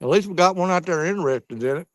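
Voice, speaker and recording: Man, slightly high voice, Southern US drawl, folksy and casual fishing chat, dry outdoor sound. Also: lively intonation, fast, dry recording. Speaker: fishing vlogger. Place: outdoors on a small fishing boat.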